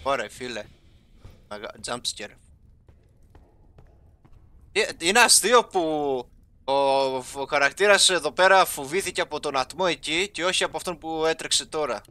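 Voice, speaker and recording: A young man narrating his own game session in an excitable, chatty way, talking to his viewers as he goes. His voice is a little high and sharply bright. He drops English game terms into his talk. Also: long pauses, no echo. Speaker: gaming YouTuber. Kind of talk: casual let's-play commentary.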